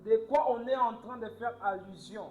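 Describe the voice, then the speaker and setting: A man preaching a sermon in short phrases, pausing for his interpreter and rising to emphatic cries. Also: high-pitched, narrow, tinny audio.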